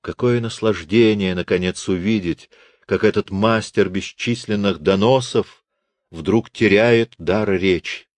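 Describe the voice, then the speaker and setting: A man reading an audiobook in a steady, measured way. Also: fairly low pitch, no echo. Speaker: audiobook narrator. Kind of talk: scripted narration.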